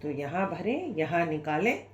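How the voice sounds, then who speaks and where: Lowish woman voice, yoga teacher leading breathing drills, sore throat and coughy, patient and reassuring, echoey room. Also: big pitch swings, a little slow, noisy background. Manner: patient, instructive, reassuring, encouraging. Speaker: yoga and pranayama instructor. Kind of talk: guided breathing exercise lesson.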